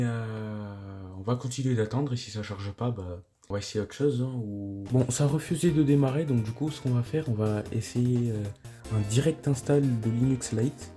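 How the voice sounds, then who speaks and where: A man's voice: medium pitch, warm tone. A man casually narrating a tech vlog, laid-back, with lots of hesitations and mild swearing, on a cheap microphone. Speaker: tech YouTuber.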